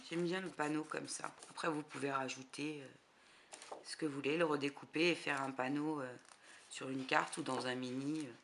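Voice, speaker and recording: A woman's voice: sits low, steady tone, moderate pace, a bit bright. A woman chatting casually through a craft haul, hesitant, with many fillers. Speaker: crafting vlogger. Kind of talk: casual haul video chat. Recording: noisy background hiss.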